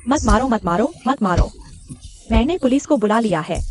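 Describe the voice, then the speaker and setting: An actress playing the boss's wife, shrill and outraged, heard from a distance. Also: female voice, expressive, moderate pace, background noise, lightly acted. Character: shrill indignant rich wife.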